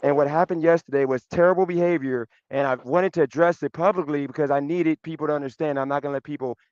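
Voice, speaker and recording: A male livestream host with a fairly high, smooth voice. He talks off the cuff, frustrated and insistent, circling back over his points. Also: steady tone, fast, darkish tone, dry recording, dull audio. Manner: frustrated, insistent, repeats himself. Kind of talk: unscripted address to guests.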